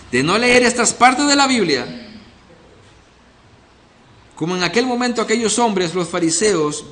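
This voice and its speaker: A man's voice: high-pitched, fairly bright tone, echoey room, slight background noise. A male pastor preaching an expository sermon, earnestly questioning the congregation. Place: church.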